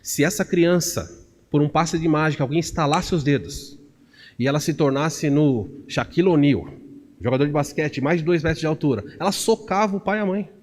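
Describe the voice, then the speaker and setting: Pastor, male, fairly high voice; animated storyteller who plays out quoted voices; church reverb. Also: moderate pace. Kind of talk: sermon.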